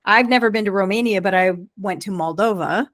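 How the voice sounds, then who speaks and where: A woman's voice: medium pitch, brisk, a bit bright, dry recording, clean studio sound. A woman hosting a podcast, asking friendly, encouraging questions of her guest in a casual interview. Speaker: podcast host.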